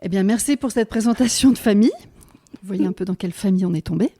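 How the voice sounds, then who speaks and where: A woman hosting a podcast interview, asking questions in a relaxed, friendly way. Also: mid-range voice, fast. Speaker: podcast host. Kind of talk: casual interview chat.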